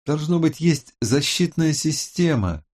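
A man voicing a sharp-tongued, touchy young woman hacker in an audiobook, raised high above his own voice. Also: expressive, a little slow. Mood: explaining. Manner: snappy, defensive. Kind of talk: audiobook character voice.

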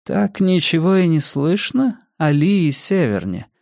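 A man's voice: on the high side, sing-song, unhurried, creaky, a little mellow, no room sound, pitched above the performer's own voice, heavily acted. A man voicing a commanding older woman politician who speaks with cold, dry irony. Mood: cold, ironic. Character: aging female political leader, cool and ironic.

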